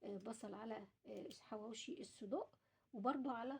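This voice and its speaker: In a fairly high, slightly mellow voice, a fast-talking woman with an Egyptian Arabic accent demonstrates cooking at home. As a home cooking vlogger, she keeps it casual and chatty, speaking directly to viewers over a clearly noisy recording with clicks.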